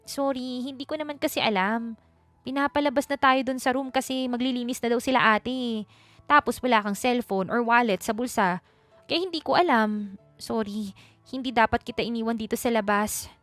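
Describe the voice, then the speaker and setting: A woman's voice: fairly high pitch, normal speed, fairly bright tone, no room sound, soft background music, voice pushed up, close to an everyday voice. A woman voicing a timid young provincial schoolteacher who stammers and keeps apologizing in a storybook reading. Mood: apologetic.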